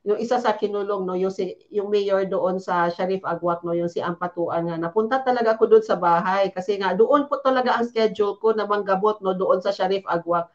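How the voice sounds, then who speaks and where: A middle-aged woman from the Philippines, a naturopathic doctor, telling stories in an interview in a chatty, animated way full of little fillers. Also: mid-range voice, brisk, muffled recording. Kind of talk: Taglish interview storytelling.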